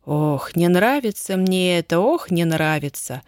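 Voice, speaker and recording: A woman's voice: lowish voice, lively intonation, moderate pace, darkish tone, no room sound, clean studio sound. A woman voicing a cautious teenage boy who grumbles and mocks. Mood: grumbling. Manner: grumbling, mocking. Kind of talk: audiobook character reading.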